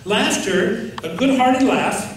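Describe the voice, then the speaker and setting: A middle-aged man preaching a sermon as pastor, animated and questioning his congregation. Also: very high-pitched, slow pace, slight background noise. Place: large church sanctuary. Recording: very echoey sanctuary, distant mic.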